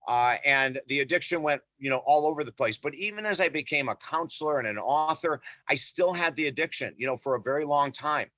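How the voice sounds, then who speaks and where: Bright-voiced, emphatic middle-aged man. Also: fairly high pitch, fairly quick, few pauses, no room sound. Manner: emphatic, repeats "you know" and "right?", often addresses the host by name. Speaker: guest, author and counselor. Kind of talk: energetic personal storytelling interview.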